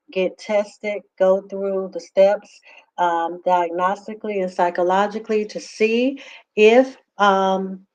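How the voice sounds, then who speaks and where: A woman counselor with a medium-pitched, darkish voice gives earnest advice straight to camera. Her speech is full of fillers and restarts, and the lo-fi recording sounds slightly dull.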